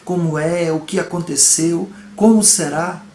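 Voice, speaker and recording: Earnest pastor preaching at home. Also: male voice, on the high side, steady tone, unhurried, dark tone. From Salvador, Brazil. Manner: earnest, emphatic preaching with rhetorical questions. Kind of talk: home video sermon. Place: home room. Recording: echoey room, faint background noise.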